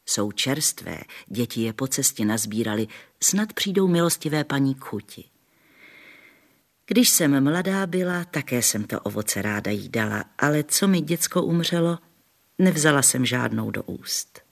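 A man's voice: medium pitch, animated, vocal fry. A man voicing a kindly old grandmother who tells folk tales to children in a homely, patient way. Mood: respectful. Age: older. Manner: homely, patient storytelling with folksy sayings. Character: kindly old grandmother, gentle village storyteller.

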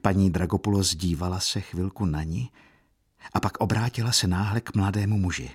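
A man reading a novel aloud in a steady, measured way. His voice is husky and fairly low, and his delivery stays calm and even throughout. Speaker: audiobook narrator. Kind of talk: scripted narration of a novel.

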